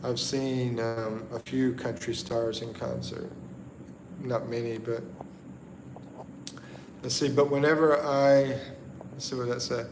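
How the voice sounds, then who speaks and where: A middle-aged livestream host from the Carolinas, USA, chats casually with a mid-range voice, reading viewer comments in an easygoing, halting way full of ums and restarts. He's indoors at home in the Philippines at night, and the room sounds echoey with steady background noise.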